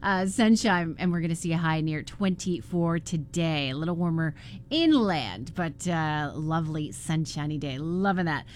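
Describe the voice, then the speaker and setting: A woman's voice: sits low, normal speed, a little hiss or hum. A woman presenting a morning radio show in a casual, chatty style. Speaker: radio host.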